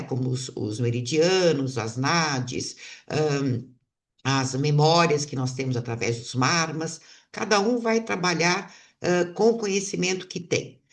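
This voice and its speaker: A woman's voice: low voice, recorded from a distance. A woman teaching an online class on integrative therapy, explaining step by step and often checking in with tag questions. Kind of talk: online lecture.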